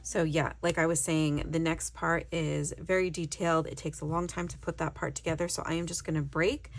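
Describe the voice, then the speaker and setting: A young woman, a little hoarse, chatting casually to viewers while working on a trip planner. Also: deep voice, level tone, fairly quick. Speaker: vlogger.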